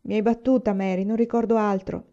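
A woman's voice: medium pitch, level tone, a little fast, warm tone, natural voice. A woman reading aloud and voicing a restless, spirited young pioneer girl, her voice lifted a little and eager. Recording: slightly dull lo-fi recording.

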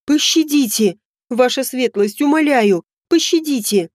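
Brief: desperate young village wife in an audiobook, voiced by a woman, begging, sobbing, slow. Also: high-pitched, darkish tone, no echo, clean studio sound. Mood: pleading. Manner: pleading, sobbing.

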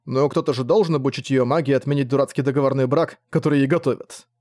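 A man voicing a calm, cheeky young male magician who answers his parents flatly, in an audiobook. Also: mid-range voice, fast talker, no echo, clean studio sound, lightly acted. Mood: defiant.

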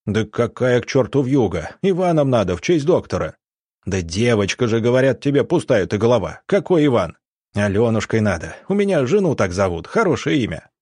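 Rough soldiers shout boisterously, their raised voices crowding in, as a male narrator plays them all. The tone stays husky, and the recording is close and dry. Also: medium pitch, very animated, brisk, dry recording. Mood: rowdy. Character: rough soldiers, loud and cheering.

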